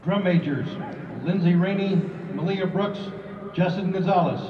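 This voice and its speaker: A man making formal announcements over a stadium PA system, calling out loudly and drawn-out. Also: high-pitched, dull audio. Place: outdoor stadium. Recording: echoey PA, heard from far off. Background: crowd and noise.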